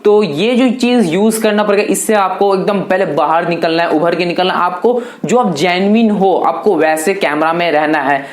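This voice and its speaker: A man's voice: sits high, normal speed, hardly any pauses. Chatty 18-year-old man in echoey room. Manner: chatty, loose, keeps calling viewers brother. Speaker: YouTuber answering viewer questions. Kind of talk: casual Q&A vlog.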